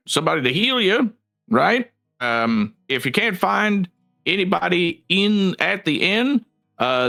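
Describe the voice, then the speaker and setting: A man voicing a fussy, warm guild leader who rambles with many hesitations and folksy turns of phrase. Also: medium pitch, creaky, voice pushed up.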